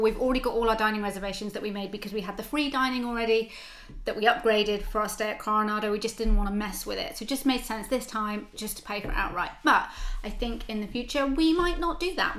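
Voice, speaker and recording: A woman from the UK co-hosting a podcast in casual chat, chatty with quick interjections. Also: medium pitch, bright, forceful tone. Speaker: podcast co-host.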